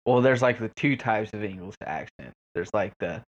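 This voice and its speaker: Lively young man joking around. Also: lowish voice, muffled recording. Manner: joking banter, quick laughs. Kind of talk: casual chat.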